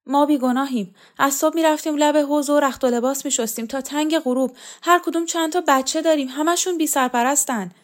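A woman's voice: darkish tone, close to an everyday voice. Woman doing a frightened pleading mother. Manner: pleading, high and strained.

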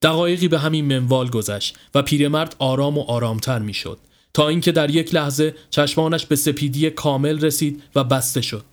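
A man narrating a scripted horror story in a steady, dramatic manner. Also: a little high. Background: faint music.

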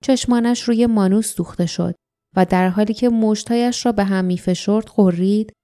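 A woman narrating an audiobook in a calm, even storytelling manner. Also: mid-range voice.

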